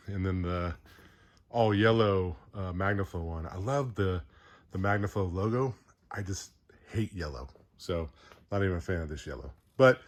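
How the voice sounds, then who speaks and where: A man hosting a casual product review, relaxed and rambling with many fillers, a bit out of breath. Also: on the low side. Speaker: host.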